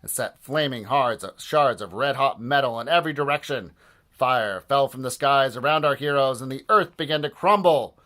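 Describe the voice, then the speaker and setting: A man reading a children's book aloud with expressive, lively storytelling. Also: medium pitch, normal speed. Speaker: audiobook narrator.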